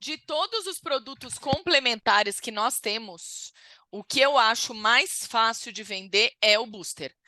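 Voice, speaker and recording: A woman's voice: a little high, expressive, measured pace, pushed and bright, no echo. A woman sales consultant, speaking assertively and emphatically in a casual discussion.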